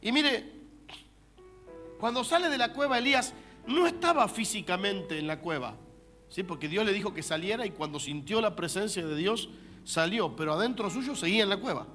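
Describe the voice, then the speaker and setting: An Argentine pastor with a high voice preaches in an animated, conversational way and keeps turning to the congregation with asides. Soft instrumental music plays faintly under his words. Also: normal speed. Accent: Argentine Spanish. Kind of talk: sermon.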